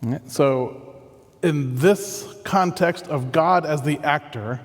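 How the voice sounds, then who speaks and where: A man pastor giving a conversational, earnest sermon that often drops into soft, reflective tones. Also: a little high, slow pace, long reverb tail.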